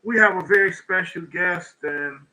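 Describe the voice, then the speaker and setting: A man hosting a talk show, interviewing a guest in a halting way, often repeating words and laughing. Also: high voice, bright, forceful tone, rough recording. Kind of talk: interviewing a guest over video call.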